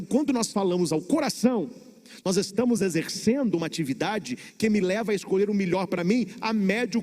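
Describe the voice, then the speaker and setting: High-voiced Brazilian priest preaching in a church. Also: male voice, darkish tone, big-room sound. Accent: Brazilian Portuguese. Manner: preaching with dramatic pauses and repetition. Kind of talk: sermon.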